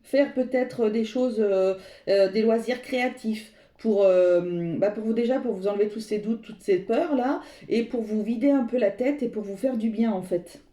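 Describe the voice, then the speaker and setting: This tarot reader's voice sits a little high and carries a dark tone at a moderate pace. She speaks directly to her audience during the card reading, rambling and groping for the right words in an echoey room.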